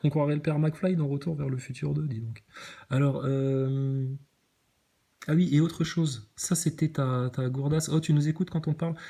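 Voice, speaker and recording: A man mocking video clips in a scornful reaction commentary. His voice sits slightly high but sounds mellow, with muttered asides and sudden outbursts. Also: fairly even intonation, moderate pace, vocal fry.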